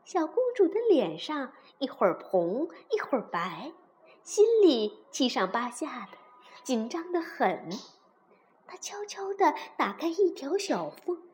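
A woman narrating a children's fairy tale, gentle and expressive. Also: sits high, measured pace. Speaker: storyteller.

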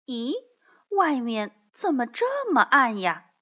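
An excitable little rabbit boy in a storybook tale, put on by a woman, his voice pitched high and bright and swooping all over. He exclaims eagerly, heard through a dull lo-fi recording. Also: slow, full character voice. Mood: puzzled. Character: excitable young male rabbit.

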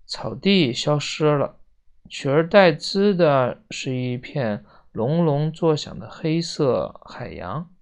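A storyteller reading a children's book aloud slowly and expressively, doing the characters in different voices. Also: medium pitch, expressive. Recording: dull lo-fi recording.

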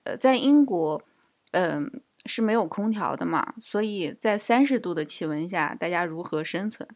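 A woman's voice: lowish voice, expressive, normal speed, darkish tone. A woman from China co-hosting a casual podcast chat, explaining things at length with lots of fillers. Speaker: podcast co-host.

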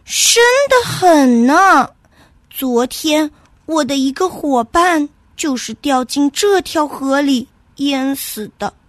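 A woman voicing an excitable little squirrel in a storybook, shrill and urgent. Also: slow, dry recording. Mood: alarmed. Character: excitable small squirrel, loud and alarmed.

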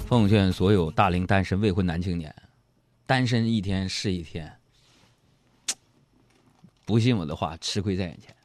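A man's voice: deep voice, moderate pace, pauses often, a little mellow, faint music behind. A male comedy show host delivering a playful, mimicking stand-up monologue.

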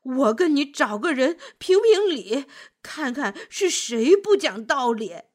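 A woman's voice: sits high, sing-song, slow, voice pushed up, full character voice. A woman voicing a kind, timid male scholar in a storybook, flustered and stammering. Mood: indignant.

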